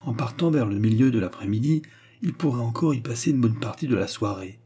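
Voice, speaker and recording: A man reading a classic novel aloud in a measured, even manner. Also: medium pitch, husky. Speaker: audiobook narrator.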